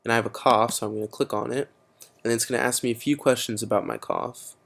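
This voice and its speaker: A teenage boy rattles quickly through a casual screen-recorded computer tutorial, his medium-pitched voice fairly even, a bit bright, and marked by vocal fry. Fillers crop up often as he explains the steps.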